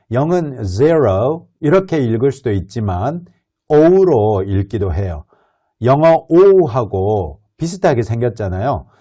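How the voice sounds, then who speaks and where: A man teaching an English lesson, explaining patiently and reading model sentences slowly and clearly for learners to repeat. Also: medium pitch, dark tone. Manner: explains patiently, with rhetorical questions. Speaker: English instructor.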